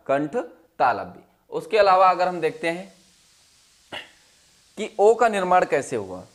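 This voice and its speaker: A man teaching a Hindi class, asking questions and repeating the answers in a steady drill, his voice dropping low and quiet on each answer. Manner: drops to a low, quiet voice when giving the answers. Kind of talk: classroom lesson.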